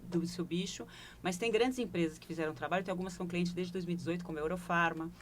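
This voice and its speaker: Brief: Brazilian woman, low-ish pitch, reflective consultant, interview answers, light hiss. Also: fairly even intonation, fast talker. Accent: Brazilian Portuguese. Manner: reflective, tags phrases with questioning asides. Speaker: corporate leadership consultant. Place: broadcast studio.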